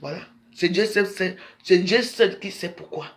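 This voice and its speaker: High-voiced man ranting at followers. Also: normal speed, fairly bright tone. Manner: scolding, confrontational, rambling. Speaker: social media video maker.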